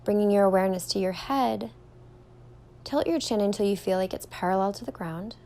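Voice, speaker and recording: A young woman leads a standing guided meditation as a yoga teacher would, softly drawing out words. Her delivery is slow, gentle and calming, pitched in the mid range.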